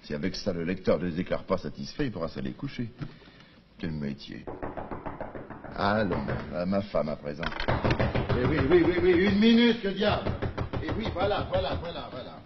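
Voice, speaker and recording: Muttering, harried hack writer. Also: male voice, fairly low pitch, sing-song, moderate pace, pauses often. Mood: weary muttering. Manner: grumbling, muttering to himself. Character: harried male hack writer, sardonic husband. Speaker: actor in a stage comedy. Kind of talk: theatre acting. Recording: dull lo-fi sound with faint hiss.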